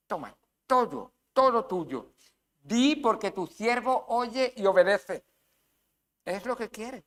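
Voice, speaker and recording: A man's voice: high-pitched, fairly bright tone. A man with a Spain Spanish accent preaching a sermon as pastor, emphatic, with rhetorical questions and acted asides.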